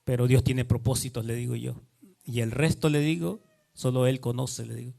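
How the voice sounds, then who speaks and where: A man's voice: medium pitch, steady tone, normal speed, gravelly, warm tone. A man giving an earnest testimony sermon, often repeating himself and quoting others in dialogue. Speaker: preacher.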